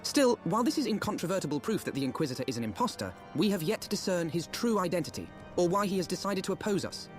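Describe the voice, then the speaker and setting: A man's voice: sits high, animated, quick pace, few pauses, soft background music. An actor playing an earnest young male scholar diplomat who speaks in formal, archaic game dialogue. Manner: formal, eloquent, archaic phrasing. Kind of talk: game voice acting.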